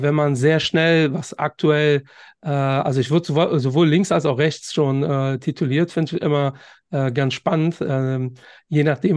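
A man with a Cologne accent hosts a podcast conversation, often breaking off with pauses and fillers. His voice sits a little high, and the recording is dry and close. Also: dry recording. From Germany. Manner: hesitant, many fillers. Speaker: podcast host. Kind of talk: podcast interview.

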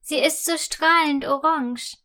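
A woman's voice: sits high, unhurried, fairly bright tone. A woman voicing a proud, friendly female daffodil flower in a children's audio story. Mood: admiring.

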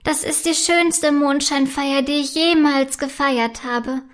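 Eager little princess girl, high and breathless, read by a woman. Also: steady tone, takes it slowly. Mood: excited.

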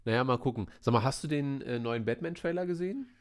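A man's voice: mid-range voice, fast. Casual German-speaking man hosting a film podcast. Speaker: podcast co-host. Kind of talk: casual chat.

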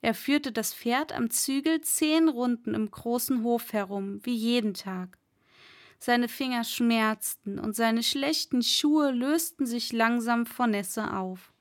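Woman narrator, higher voice, slow measured storybook reading. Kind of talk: read-aloud story narration.

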